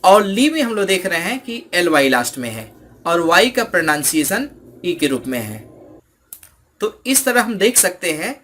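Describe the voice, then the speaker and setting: Male tutor, slow and deliberate, high bright voice, faint noise behind. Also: very animated. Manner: explains slowly, stressing example words. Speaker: English teacher. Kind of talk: bilingual English lesson.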